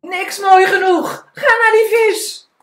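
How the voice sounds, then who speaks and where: Shrill greedy storybook wife, high and swooping, roomy echo. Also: female voice, animated, a little slow. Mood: shrieking. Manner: shrill, demanding, screeching. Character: greedy, power-hungry fisherman's wife.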